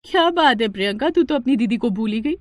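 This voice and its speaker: A woman's voice: fairly high pitch, lively intonation, quick pace, no room sound, natural voice. Geeta: teasing elder sister, a woman voicing her. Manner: bantering, affectionate. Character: teasing, cheerful married older sister. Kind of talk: storybook narration.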